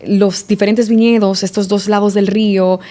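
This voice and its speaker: A woman from the Dominican Republic, speaking as a sommelier guest on a podcast. Her voice is mellow and warm at an average pitch. She thinks aloud, restarting phrases and filling pauses as she goes. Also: flat delivery. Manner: reflective, restarts often, eh fillers. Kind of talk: casual podcast interview.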